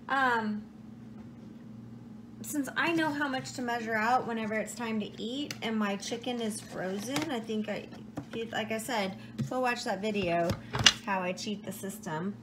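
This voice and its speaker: A talkative young woman with a fairly high voice chats through her meal prep in a home kitchen. She keeps it upbeat and casual while she works. A phone camera on the counter picks her up over a faint background hum. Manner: chatty and upbeat, talking while busy with cooking. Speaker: vlogger sharing meal prep. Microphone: phone camera propped on a counter.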